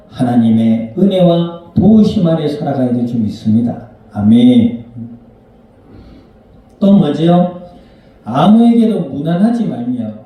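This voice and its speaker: A man's voice: a little high, mellow. A man preaching a sermon as pastor. He talks to the congregation in a conversational way, asks them questions and acts out little scenes. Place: church sanctuary. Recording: very echoey church hall, mic at a distance.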